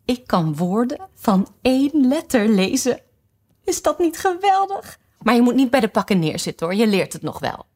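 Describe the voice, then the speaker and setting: A woman reading aloud who voices a flustered, dithering old queen in a storybook, high and fluttery. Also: sing-song, moderate pace, a little mellow. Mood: fretful.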